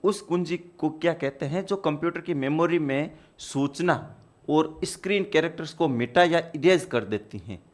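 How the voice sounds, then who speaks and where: A man's voice: fairly high pitch, moderate pace. A man teaching a computer exam-prep class, explaining step by step and repeating key points to his students.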